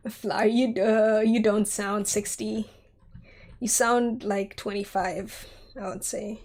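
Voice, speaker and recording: Drawing out her words and pausing often, a young woman in her twenties chats and giggles with her stream's chat as she sculpts in 3D. Her mid-range voice keeps a steady tone and is a little mellow, slightly rough, and scratchy from a cold and sore throat.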